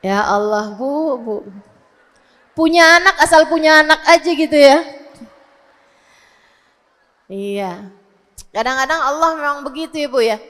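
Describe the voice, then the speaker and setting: A woman in her forties, a preacher giving a lively, chatty religious talk to women, scolding and acting out little quotes. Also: high voice, normal speed, pauses often. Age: 40s. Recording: long reverb of a hall.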